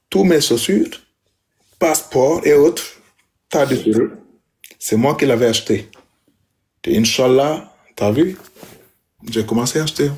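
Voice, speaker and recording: A man's voice: medium pitch, darkish tone. A man, speaking to his wife in an emphatic, repetitive, aggrieved way. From Senegal. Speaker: husband addressing his wife. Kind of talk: heated personal address.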